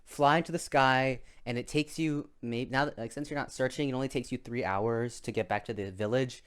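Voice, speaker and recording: A young man narrating a tabletop game as game master, halting and restarting often. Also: medium pitch, fairly bright tone, clear, resonant tone. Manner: halting, many restarts and fillers.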